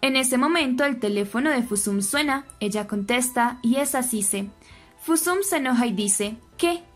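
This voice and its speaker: A woman with a fairly high voice narrates a scripted soap opera recap over faint background music. She keeps an even storytelling pace and gives quoted dialogue only a slight lift. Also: normal speed.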